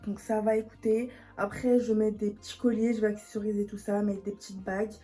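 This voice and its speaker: A woman's voice: mid-range voice, level tone, a little fast, dark tone. A woman, chatting casually as she vlogs. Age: late teens. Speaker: vlogger. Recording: muffled lo-fi sound, music behind.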